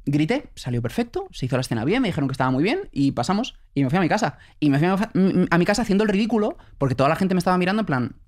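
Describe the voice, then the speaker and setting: A young man, co-hosting a podcast and telling a story in an animated, breathless way. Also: high voice, racing, few pauses. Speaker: podcast co-host and actor. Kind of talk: casual storytelling chat.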